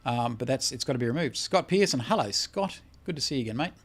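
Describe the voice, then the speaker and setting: A man's voice: mid-range voice, lively intonation, quick pace, a bit bright, faint music behind. A tired Australian man hosting a casual credit repair livestream, reading out chat comments and answering bluntly with a lot of swearing. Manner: blunt and profane, swears freely.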